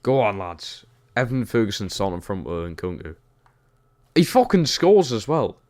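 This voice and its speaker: In a sing-song, fairly low voice that's a little slow and a little mellow, a young man with a Geordie accent chats his way through a streamed football game. He's from Newcastle, England, and reads chat as he goes.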